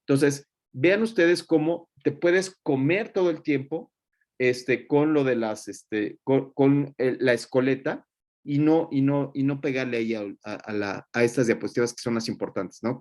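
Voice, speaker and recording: A man's voice: medium pitch, moderate pace, darkish tone. A man, a teacher giving colloquial, joking feedback on student presentations, with many fillers.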